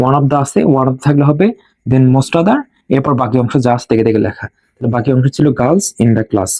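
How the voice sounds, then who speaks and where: Male grammar tutor, patient rule-drilling delivery, warm low timbre, dead dry room. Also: no room sound. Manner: slow and drilling, repeats rules for students to memorize. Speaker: English grammar teacher. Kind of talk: classroom lesson.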